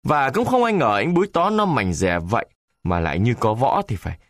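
A male storyteller reads a historical tale with a lively, rising and falling pitch. His voice is mid-pitched, and the recording is dry and close, with no room sound. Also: brisk, dry recording. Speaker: narrator. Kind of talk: storytelling narration.

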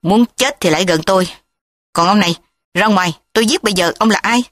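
A woman voicing a violent, raving young male lordling who shouts threats. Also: medium pitch, a little fast, no echo, lightly acted.

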